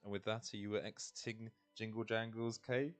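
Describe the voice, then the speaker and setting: A man working as game master, improvising narration in a halting, casual way as he searches for words. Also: on the low side, little pitch movement, faint music behind.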